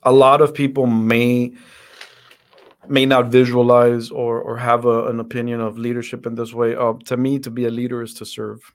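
A man from the Dominican Republic, a guest on a podcast, reflecting earnestly on his views. His voice sits at a middle pitch but stays fairly flat, and he often circles back with fillers and repeated words. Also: moderate pace. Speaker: podcast guest, center director. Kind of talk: interview conversation.

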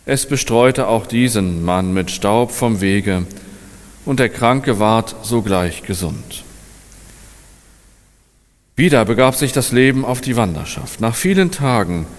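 A man narrating a fairy tale aloud in a slow, measured storytelling manner. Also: fairly low pitch, expressive. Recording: long hall reverb.

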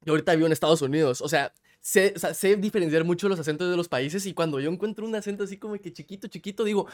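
A man's voice: sits high, racing. A man from Guatemala with a Guatemalan Spanish accent, hosting a casual interview in a chatty, playful way with many restarts. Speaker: interviewer host.

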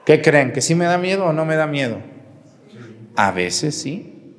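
Mexican priest preaching in a reverberant church. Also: male voice, on the high side, very animated, a little slow. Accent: Mexican Spanish. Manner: conversational preaching with questions to the congregation. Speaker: parish priest. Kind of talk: sermon.

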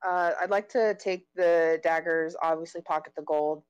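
A woman's voice: on the low side, fairly even intonation, normal speed, smooth, no room sound, lo-fi sound. A woman playing a tabletop game, describing her character's actions in a dry, amused way. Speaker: player. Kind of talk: casual tabletop game play.

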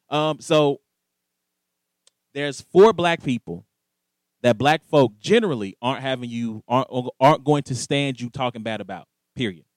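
This mid-range male voice belongs to an animated storyteller on a casual sports talk show, who brings plenty of energy and performs each quoted line in character. There's no echo on the recording.

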